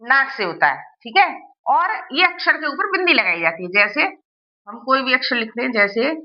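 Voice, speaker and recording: A woman's voice: high-pitched, very animated, moderate pace, dull audio. A woman teaching a grammar lesson, asking her students questions and answering them herself, checking that they follow.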